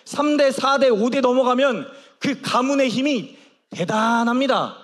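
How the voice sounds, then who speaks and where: A male pastor preaching a sermon in a church, telling stories with animated acted-out dialogue. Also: very high-pitched, a little slow. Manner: animated storytelling, acts out quoted dialogue. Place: church sanctuary. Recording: long reverb of a church hall.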